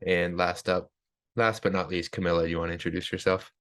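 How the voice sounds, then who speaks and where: A man's voice: sits low, flat delivery, a little fast, fairly bright tone. A teenage boy moderating an online student panel, talking loosely with many fillers. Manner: loose, filler-heavy, friendly. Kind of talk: casual webinar hosting.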